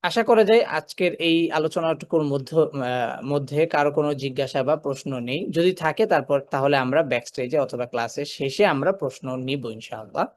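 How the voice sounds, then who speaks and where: A man teaching a Quran recitation class. He explains the rules step by step, asks questions and answers them himself, and slows down to recite example verses. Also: a little high. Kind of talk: recorded recitation lesson.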